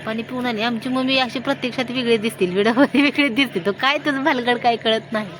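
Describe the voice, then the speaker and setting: A woman's voice: a little high, steady tone, quick pace, background noise. A woman in her thirties from Maharashtra, chatting casually to the camera as a vlogger at a village home in the evening, talking to her viewers and family as she goes. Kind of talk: casual vlog chat. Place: outdoors at a village home by a wood stove, evening.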